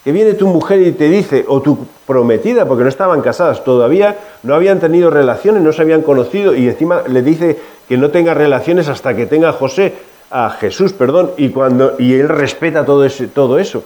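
A man's voice: fairly high pitch, brisk, a little mellow, rough recording. A middle-aged man giving an informal sermon, telling personal stories and asking his listeners questions, with frequent restarts. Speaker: preacher.

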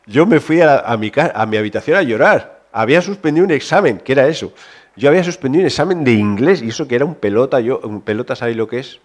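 A man from delivers a sermon in a conversational way, never quite reading a script. He stumbles and restarts often. His voice sits at an average pitch, drops to near-whispers on tender points, and climbs when he presses a question. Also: animated, quick pace. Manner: conversational, many restarts, shifts between soft and raised. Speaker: preacher.

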